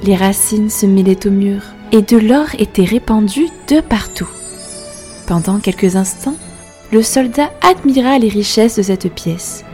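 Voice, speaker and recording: A woman telling a fairy tale in calm, expressive scripted narration. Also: mid-range voice, measured pace, faint music behind. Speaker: storyteller.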